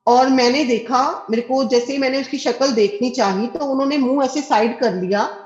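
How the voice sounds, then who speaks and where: A woman's voice: sits high, normal speed, a little mellow. A middle-aged woman earnestly tells a personal devotional testimony, speaking directly to her listeners and acting out the dialogue. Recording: echoey, dull lo-fi recording.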